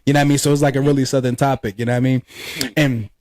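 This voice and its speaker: A man's voice: mid-range voice, level tone, very fast, a little mellow, dry recording, studio quality. A man co-hosting a podcast in loose, joking casual chat, laughing often and cursing freely. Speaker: podcast co-host.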